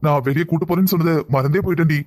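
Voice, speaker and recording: A man's voice: fairly high pitch, steady tone, rapid-fire, darkish tone, natural voice. A man voicing a careless young husband. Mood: offhand. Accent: southern Tamil. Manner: offhand, dismissive. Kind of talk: cartoon voice acting.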